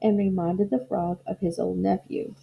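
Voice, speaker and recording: A woman teacher speaking in simple, deliberate phrases to children, as in a storybook read-aloud. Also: mid-range voice, fairly even intonation, vocal fry. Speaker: elementary school teacher. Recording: dull lo-fi audio with faint noise.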